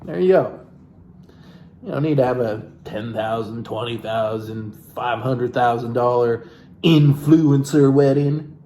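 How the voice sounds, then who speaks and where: Hosting a comic book reading, this man has a warm, mid-range voice and goes a little slowly. He reads with irreverent mockery and drops in offhand swearing. Echoey room, noise behind him.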